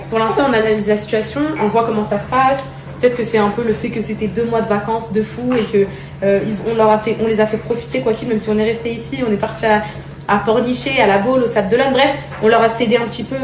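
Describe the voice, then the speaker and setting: Woman, mother, tender and chatty, slightly high voice, roomy sound, noisy, away from the mic. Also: distant mic. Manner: tender, heaps pet names on her children; chatty, addresses her followers as girls. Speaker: mother and vlogger. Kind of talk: casual vlog talk.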